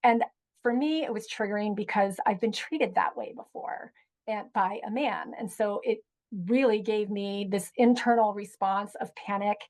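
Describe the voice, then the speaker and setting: A woman educator telling a personal story in a relaxed interview, with frequent ums and you-knows. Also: medium pitch, normal speed, poor audio. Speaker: guest educator. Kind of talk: conversational storytelling.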